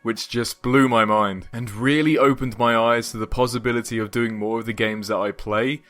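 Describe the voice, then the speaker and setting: A man's voice: medium pitch, steady tone, normal speed, a bit bright. A man in his twenties hosting a gaming channel, answering viewer questions in an upbeat, casual vlog voice-over with joking asides. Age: 20s. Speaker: YouTube gaming channel host.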